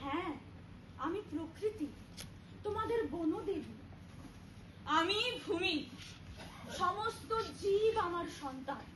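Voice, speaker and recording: A woman's voice: extremely high pitch, animated, heavily acted. Woman playing a weeping nature goddess. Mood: grave, urgent. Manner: wailing, pleading, slow and drawn out. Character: weeping female nature goddess, mother of all life. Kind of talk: stage drama acting. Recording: echoey hall from far off, background noise.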